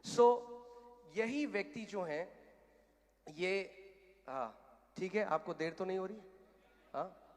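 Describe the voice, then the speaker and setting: A male preacher giving a sermon and telling a story, emphatic, building to loud declarations and dropping English phrases into his speech. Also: sits high, takes it slowly, long pauses. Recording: long echo of a hall.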